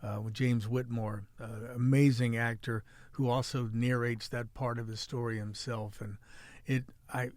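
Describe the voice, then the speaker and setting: A man's voice: medium pitch, flat delivery, unhurried, darkish tone, dry recording. A middle-aged man with a Midwestern American accent, hosting a podcast with joking, rambling casual chat and a local news rundown. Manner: joking, chatty, rambling with restarts. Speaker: podcast host and city editor.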